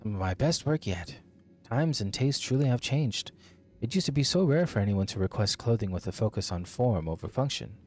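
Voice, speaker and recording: A man's voice: medium pitch, animated, brisk, a little mellow, faint music behind, natural voice. Man voicing an eager little tailor, fawning shop clerk. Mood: pleased, proud. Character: eager, nervous little rabbit-like tailor, flattering customers. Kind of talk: character voice reading game dialogue.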